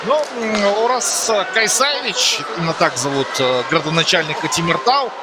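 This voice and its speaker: A man giving live ice hockey commentary in a conversational way, pausing to find words. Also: a little high, expressive, over a noisy crowd, heavy background noise.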